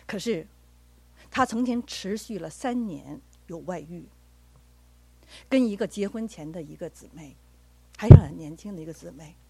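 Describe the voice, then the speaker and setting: A woman's voice: on the low side, animated, moderate pace, gravelly, long pauses, warm tone, husky. A woman preaching a sermon with personal stories, speaking earnestly and acting out the dialogue she quotes.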